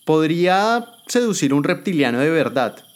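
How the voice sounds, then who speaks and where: A man's voice: fairly high pitch, big pitch swings, normal speed, smooth, voice pushed up. A man voicing a frightened, captive woman adviser who protests and pleads, in a dramatic spoken story. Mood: pleading. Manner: pleading, indignant.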